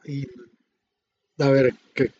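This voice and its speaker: A man's voice: medium pitch, monotone, drawn-out words, mellow, highs cut off, slight background noise. A young man with a Mexican Spanish accent, chatting casually and laughing often with lots of slang. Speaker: podcast co-host. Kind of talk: casual chat.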